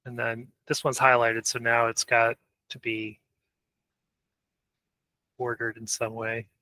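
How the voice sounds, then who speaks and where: A man's voice: mid-range voice, monotone, slow, sharp tone. A man who develops games, chatting casually in a work meeting and musing aloud over design choices. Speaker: game developer.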